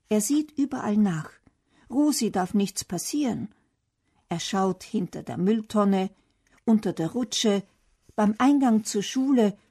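A woman reading a children's story aloud in a gentle, even way. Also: medium pitch, slightly rough.

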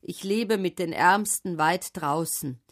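A woman's voice: fairly low pitch, slow pace, pitched above the performer's own voice. A woman voicing a poor old male beggar who speaks humbly and pleadingly in a storybook reading. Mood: humble.

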